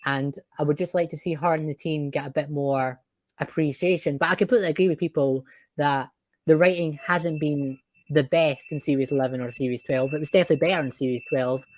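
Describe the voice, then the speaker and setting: A man's voice: fairly high pitch, steady tone, brisk, no echo, clean studio sound. A man hosting a podcast, chatting in an opinionated, chatty way with some fillers. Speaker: podcast host. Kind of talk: casual chat.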